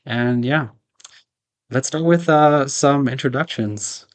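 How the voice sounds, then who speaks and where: A young man hosts a relaxed conversation and asks his guests easy questions. His voice sits at a medium pitch. He talks loosely, with plenty of fillers. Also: slow pace. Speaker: host, interviewer. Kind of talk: casual conversation.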